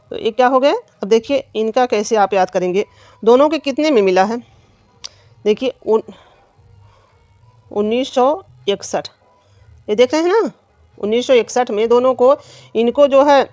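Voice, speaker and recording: A woman's voice: a little high, a little mellow, dry recording. A woman teacher giving an exam-prep lesson, asking questions and answering them herself. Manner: repetitive quizzing, asks and answers own questions.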